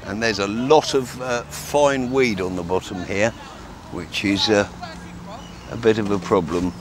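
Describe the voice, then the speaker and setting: An older man chats to camera while fishing from a grassy riverbank, his voice sitting fairly low. He talks in a loose, rambling way, full of fillers and restarts. A faint outdoor hum sits behind him, picked up by a camera a few metres away. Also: unhurried. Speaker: fishing vlogger. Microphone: camera mic from a few metres away, speaker often turned aside.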